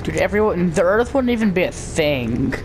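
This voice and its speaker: Gamer man in online group voice chat, headset mic, easygoing crude banter, lightish pitch, noisy background. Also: very animated, normal speed. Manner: laid-back, crude banter. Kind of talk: casual chat.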